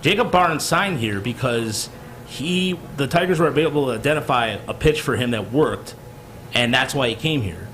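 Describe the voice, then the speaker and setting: Casting: Michigan-raised male podcast host, blunt and animated, faint noise in the background. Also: mid-range voice, moderate pace. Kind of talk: casual sports chat.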